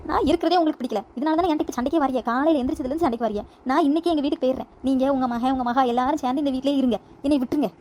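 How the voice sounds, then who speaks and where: A sharp-tongued young daughter-in-law who argues back at breakneck speed, played by a woman in a comedy skit. Every retort is quick and argumentative. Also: high voice, slight background noise, close to an everyday voice. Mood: defiant. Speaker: comedy sketch actor.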